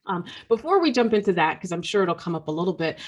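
A woman's voice: lowish voice, sing-song, fast talker, husky, dull audio. A woman co-hosting a podcast interview who speaks in an enthusiastic, casual way with frequent likes. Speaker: podcast co-host.

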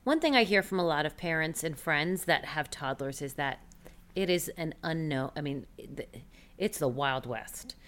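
A woman hosting an interview, retelling a friend's worries in an animated way. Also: low-pitched, normal speed. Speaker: interview host. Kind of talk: conversational interview.

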